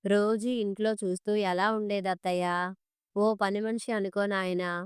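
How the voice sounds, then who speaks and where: A stern older mother-in-law from a storybook, scolding and full of suspicion, read by a woman narrator. Her voice is strikingly clear and fairly even in pitch. It sits dry and close, with no room sound around it. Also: moderate pace, no echo, natural voice. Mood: pleading. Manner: harsh and scolding.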